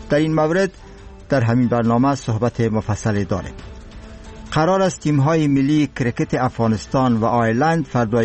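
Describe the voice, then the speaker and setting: A man with an Afghan accent reading scripted radio news in a solemn, formal, measured manner. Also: mid-range voice, darkish tone. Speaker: radio newsreader.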